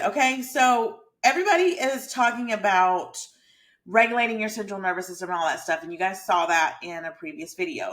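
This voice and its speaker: A woman in her thirties speaks with a Southern accent from Georgia at a middle pitch. She hosts in an informal, chatty vlog style, explaining things like a mentor. Her delivery is conversational and aimed directly at the viewer. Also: fairly bright tone. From Georgia, USA. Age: 30s. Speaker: mindset mentor and YouTube host.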